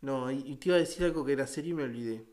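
A man with a Uruguayan Spanish accent in a casual, darkly joking conversation, wry and deadpan. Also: mid-range voice, racing. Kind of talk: casual dark-humored chat.

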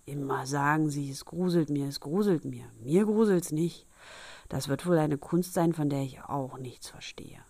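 A woman voicing a naive, fearless young farm boy in a fairy tale reading, speaking eagerly and a little louder than her narration. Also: deep voice, moderate pace, no echo. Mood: puzzled. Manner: earnest, eager, raised and loud.

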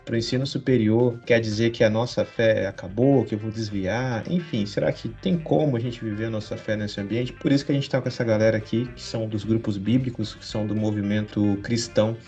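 A man's voice: fairly low pitch, steady tone, a little fast, hardly any pauses, mellow, highs cut off, faint music behind. A man hosting a podcast in a slangy, joking, informal way. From Cariacica, Espírito Santo, Brazil. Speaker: podcast host. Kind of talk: casual, slangy chat.

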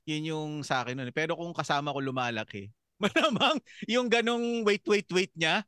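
High bright dude cracking up on a podcast, dry mic. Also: male voice, moderate pace, clean tone, no room sound. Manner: laughing, playful. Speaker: podcast co-host. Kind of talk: casual podcast chat.

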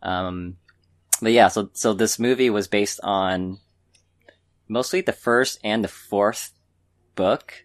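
Speaking slowly in a fairly low voice with frequent pauses, a man co-hosting a podcast muses about films. His take is casual and hesitant, wandering as he shares informal opinions.

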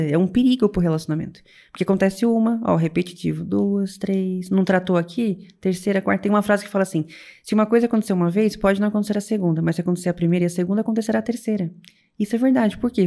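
A young woman talks quickly and expressively in a casual podcast chat. Her pitch sits in the middle of the range, and she tells her stories with animated energy.

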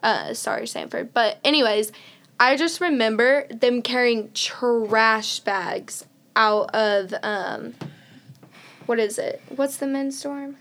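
A young woman telling a dorm story in a casual chat with friends. Her voice sits a little high, and she rushes along, scattering "like" through her sentences. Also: a bit bright. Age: young adult. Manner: fast, says "like" a lot. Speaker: guest.

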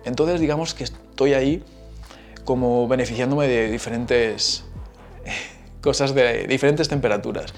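Soft music plays behind this Madrid-accented man as he hosts his laid-back solo podcast, explaining things chattily and wandering into asides. He speaks in a mid-range voice, unhurried, leaving long pauses.

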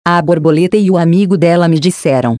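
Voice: medium pitch, quick pace, darkish tone, dry recording, clean studio sound, lightly acted. A storyteller voicing a young girl who is lost and unsure and asks timid questions.

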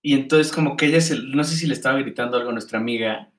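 A young man with a Mexican Spanish accent, co-hosting a podcast and telling a story in an animated, slangy way. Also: medium pitch, quick pace, roomy sound. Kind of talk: casual storytelling chat.

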